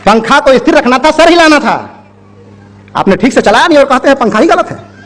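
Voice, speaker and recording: A man's voice: extremely high pitch, animated, fairly quick, voice pushed up. A man voicing a crafty, cheeky male fan peddler who keeps repeating his sales claims in a storytelling talk.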